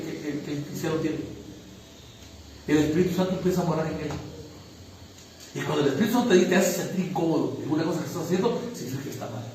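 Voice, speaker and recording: Man preaching, high voice, emphatic delivery, booming echo, distant mic. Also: mellow, a little hiss or hum. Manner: emphatic, often checking in with listeners. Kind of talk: sermon. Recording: echoey room, distant mic.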